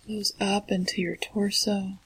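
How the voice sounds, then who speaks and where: A meditation guide speaking in a soft, soothing spa-like whisper, leading a guided relaxation. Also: mid-range voice, level tone, a little slow, vocal fry, slightly rough, low-quality recording.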